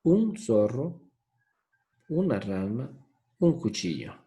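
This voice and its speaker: A man's voice: medium pitch, very animated, takes it slowly, mellow. A man teaching an online English class, patient and often asking for confirmation. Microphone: video call.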